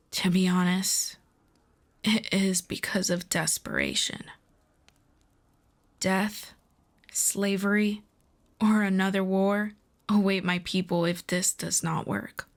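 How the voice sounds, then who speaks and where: A woman in a fantasy audio roleplay gives voice to a proud, earnest demon princess who speaks formally, deliberately, and persuasively. Her voice sits in the mid-range, and the mood is solemn yet hopeful.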